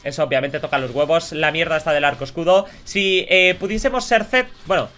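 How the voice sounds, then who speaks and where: A man's voice: a little high, brisk, pushed and bright. A man in his twenties with an accent from Spain gives live gameplay commentary in a slangy, crude, mock-polite way. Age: 20s. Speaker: gaming streamer. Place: indoors at a gaming desk.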